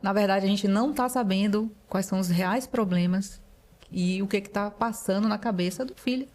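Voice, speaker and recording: A woman hosts a podcast conversation in a reflective, hesitant way. She often pauses on fillers as she feels her way through her thoughts. Her voice sits at an ordinary middle pitch. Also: a little mellow, slight background noise. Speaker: podcast host.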